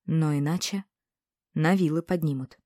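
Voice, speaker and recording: A woman reading a novel aloud, voicing a stern, weary male village headman in a low, quiet voice. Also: fairly even intonation, normal speed, no echo, studio quality.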